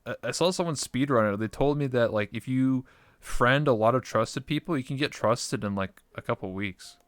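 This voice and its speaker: A man's voice: mid-range voice, moderate pace, no room sound. Casting: man, clean resonant voice recorded dry, slangy rambling conversationalist who swears freely. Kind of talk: casual interview chat.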